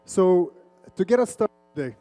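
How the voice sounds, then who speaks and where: The voice is a man's, high, mellow and expressive, at normal speed, recorded dry with faint music behind. He is a middle-aged Arabic speaker from Lebanon who grew up in Saudi Arabia. As a media executive and conference speaker, he gives an informal, interactive stage presentation that alternates between Arabic and English.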